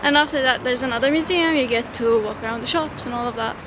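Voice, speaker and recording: Outdoors in a city, among streets and stadium grounds, a woman in her twenties talks quickly to a handheld camera at arm's length. Her high-pitched travel-vlog chatter is full of laughter about her plans, against a noisy background.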